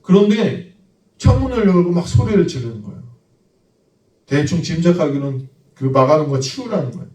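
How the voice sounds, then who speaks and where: A man's voice: a little high, big pitch swings, fast, mellow. A man preaching a sermon as a pastor, telling an everyday story and then pressing his point with emphatic preaching. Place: church sanctuary. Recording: echoey room, mic at a distance.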